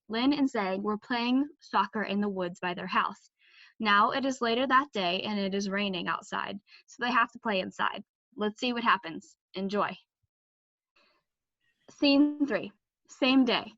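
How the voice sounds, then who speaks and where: A woman with a medium-pitched, slightly bright voice reads at a moderate pace with no echo. She narrates a play, delivering the scripted introduction and stage directions in a remote virtual performance, and the video call audio sounds slightly muffled.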